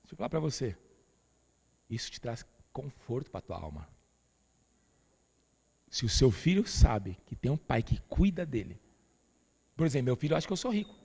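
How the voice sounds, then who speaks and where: A man's voice: medium pitch, sing-song, normal speed, vocal fry, pauses often, warm tone, slightly rough, big-room sound. A Brazilian man preaching a sermon as pastor, emphatic and familiar, calling his listeners "dear". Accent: Brazilian Portuguese.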